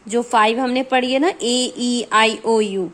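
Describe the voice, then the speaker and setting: Woman teacher, unhurried, patient grammar explainer, slightly high pitch. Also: steady tone, a bit bright. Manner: explains patiently, reads example sentences slowly. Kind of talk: grammar lesson.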